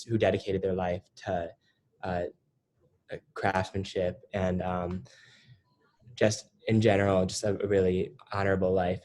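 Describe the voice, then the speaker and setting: A man's voice: low voice, a little mellow. A young man giving a hesitant thank-you speech for a scholarship over a video call, stumbling and restarting often. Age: young adult. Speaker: scholarship recipient.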